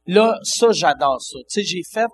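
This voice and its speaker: Man, Québécois accent, high voice, hesitant casual chat, faint hum. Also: expressive, normal speed. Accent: Québécois French. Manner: hesitant, filler-heavy talk. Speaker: podcast host.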